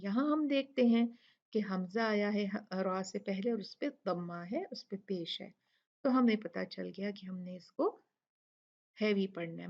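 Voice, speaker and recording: A woman's voice: mid-range voice, gravelly, highs cut off. A woman teaching recitation rules in a patient lesson, explaining each rule and stretching out the syllables she demonstrates.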